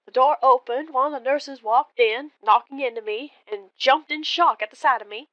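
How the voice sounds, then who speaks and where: Calling in to a horror radio show, a woman with a slightly high voice narrates a scripted first-person ghost story, deliberate and expressive. The close, lo-fi recording sounds very dry and somewhat dull, with no echo.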